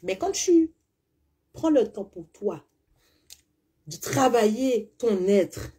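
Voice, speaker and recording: A spiritual coach from the French Caribbean, either Guadeloupe or Martinique, delivers a monologue to her followers that is blunt, emphatic, and packed with rhetorical questions. Her voice is on the high side, very animated, slow, mellow, and slightly rough.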